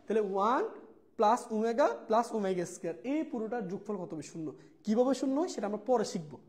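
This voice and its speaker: A man's voice: high voice, darkish tone. A young man teaching a live online math class. He repeats key points, mixes in English words and calls his students brother. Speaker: math tutor.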